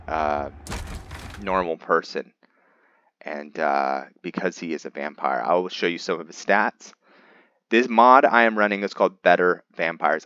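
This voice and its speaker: In casual gamer commentary on a roleplay playthrough, a man explains things to his viewers and tends to answer his own questions. His deep voice comes across pushed and bright, on a dry, lo-fi recording.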